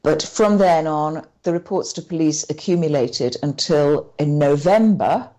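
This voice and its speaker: A woman with a low, mellow voice speaks as a guest in a conversational interview. She talks haltingly and often stops and restarts her sentences as she recounts events.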